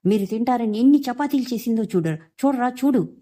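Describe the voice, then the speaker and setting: A woman's voice: fairly high pitch, expressive, fairly quick, pitched above the performer's own voice. A woman voicing an angry young husband who scolds his family for wasting his wife's cooking. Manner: scolding, shouting.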